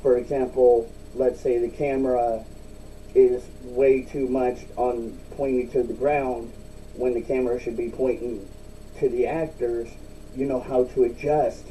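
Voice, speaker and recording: A man's voice: flat delivery, a little slow, dark tone. A man giving a casual, rambling solo vlog talk with chewing tobacco packed in his lip, using repetitive, emphatic phrasing. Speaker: video blogger. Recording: distant mic, faint rumbling background noise.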